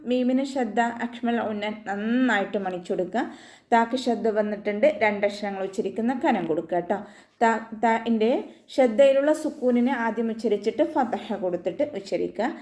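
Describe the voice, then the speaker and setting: A woman guides students through recitation rules one point at a time. Her voice sits a little high, and she keeps adding soft reminders to pay attention. The sound carries a noticeable room echo. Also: a little fast. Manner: patient step-by-step instruction, frequent gentle reminders. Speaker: Quran recitation teacher. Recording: echoey room.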